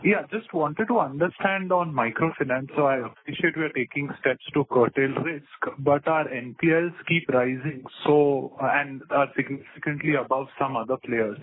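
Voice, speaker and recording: A man's voice: mid-range voice, moderate pace, hardly any pauses. A man on a conference call asking polite but probing questions over the phone on a breaking line. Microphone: phone handset. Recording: tinny phone line with faint noise.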